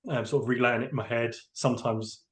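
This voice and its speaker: A man's voice: medium pitch, fairly even intonation, fast talker. A man, a train driver giving a candid, hesitant personal account in a podcast interview. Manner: hesitant, open, emotionally candid.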